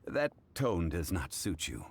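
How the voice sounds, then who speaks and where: A man voicing a composed, courteous, scholarly gentleman in a video game, formal and measured in phrasing. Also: sits low, big pitch swings, gravelly, slightly rough, dry recording, full character voice.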